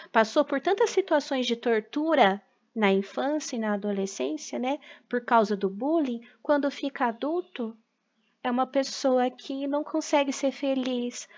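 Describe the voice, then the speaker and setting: A woman's voice: a little high, lo-fi sound. A woman teacher recording a lesson for children, explaining patiently and checking in with frequent tag questions.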